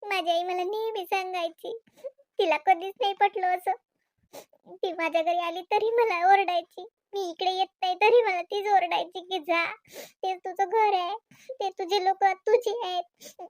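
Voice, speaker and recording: A woman's voice: very high-pitched, steady tone, unhurried, no room sound, studio quality. Woman doing Padma, a pleading young wife. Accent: Varhadi Marathi. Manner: pleading, apologetic. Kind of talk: cartoon voice acting.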